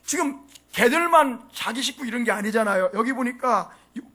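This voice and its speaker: A man preaching a sermon as pastor, animated and often asking the congregation questions. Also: very high voice, moderate pace. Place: church sanctuary.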